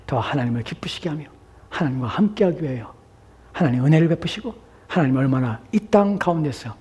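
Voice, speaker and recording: A man preaching a sermon as a pastor, shifting between hushed, near-whispered lines and loud, impassioned cries. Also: mid-range voice, husky.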